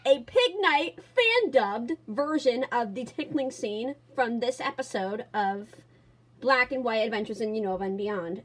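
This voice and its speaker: A woman's voice: on the high side, slightly rough. A young woman hosting a fan video, talking casually to her viewers. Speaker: fan dubber, video host. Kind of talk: casual vlog narration.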